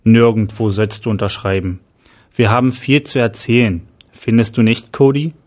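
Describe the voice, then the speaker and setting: A man voicing a disfigured half-faced man who turns from eerie stranger to warm, earnest friend, speaking slowly and low at first. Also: fairly even intonation, natural voice. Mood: mysterious.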